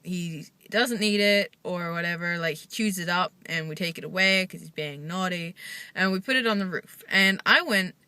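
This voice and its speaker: Young woman, chatty rambling vlogger, bright tone, dry sound. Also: fairly low pitch, normal speed, clean tone, dry recording. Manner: chatty and rambling, many "like" fillers. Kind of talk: casual chat.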